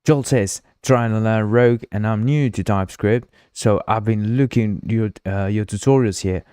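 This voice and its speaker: A fairly low-pitched man with a Uruguayan Spanish accent, a native speaker, hosts a casual live coding stream at normal speed, drinking as he goes. His dark, smooth voice is captured with studio quality and no echo. He rambles and repeats himself while reading the chat aloud.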